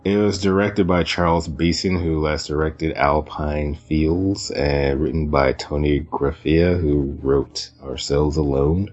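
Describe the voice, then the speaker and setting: A man's voice: extremely low pitch, steady tone, slow pace, hardly any pauses, a little mellow. A man hosting a podcast in natural, unscripted talk, casually recapping an episode with asides. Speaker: podcast host. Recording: dull lo-fi sound, music behind.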